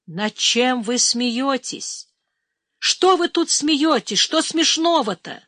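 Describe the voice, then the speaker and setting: A woman shouting as a hot-tempered army officer. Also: a little high, unhurried, dry recording, pitched above the performer's own voice. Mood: furious. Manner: loud, indignant, shouting. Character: shouting male lieutenant colonel, hot-tempered duty officer.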